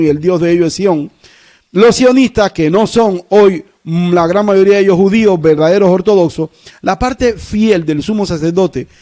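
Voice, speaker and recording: A Cuban pastor preaching a sermon in an emphatic, rhetorical way, slowing and speeding up to stress points. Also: male voice, high-pitched, warm tone. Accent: Cuban Spanish. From Cuba. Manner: emphatic, rhetorical, shifting pace.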